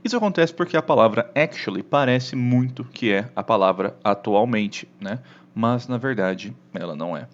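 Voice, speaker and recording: A man with a Brazilian Portuguese accent gives an online English lesson, sounding animated and frequently checking in with the listener. His pitch is medium, he speaks at a normal speed, and the recording is muffled.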